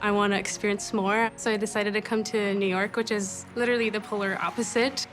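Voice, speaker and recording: A woman's voice: mid-range voice, flat delivery, brisk. Sincere young woman from Poland. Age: young adult. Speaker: student in a college video. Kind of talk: interview testimonial. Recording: soft music underneath.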